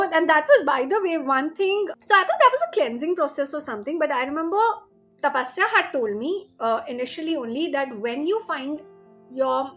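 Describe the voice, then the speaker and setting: Lively high-voiced woman. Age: 30s. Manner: animated, laughs often, mixes in Hindi phrases. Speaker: guest sharing her birth story. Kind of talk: casual conversational storytelling.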